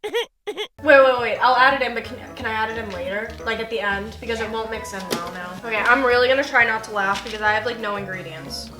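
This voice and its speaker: A giggly young woman with a high voice chats casually while doing a craft challenge. She keeps laughing at her own jokes. The sound is echoey, with music playing behind her. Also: fast talker. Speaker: vlogger. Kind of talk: casual chat. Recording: echoey room with background music.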